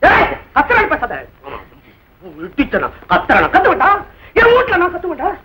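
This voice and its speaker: An actor playing a jealous, bullying husband who talks loudly and mockingly in a classic film comedy. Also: male voice, extremely high pitch, very animated, moderate pace. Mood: ranting. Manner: loud, mocking, quarrelsome. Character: bullying, jealous husband, sarcastic and hot-tempered. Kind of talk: 1960s Tamil film acting. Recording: hissy old film soundtrack.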